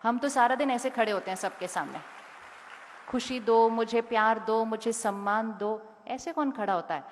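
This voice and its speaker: Woman speaker in an echoing hall. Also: mid-range voice. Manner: directly questions and instructs the audience. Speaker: motivational speaker. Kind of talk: talk to a school audience. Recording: long hall reverb.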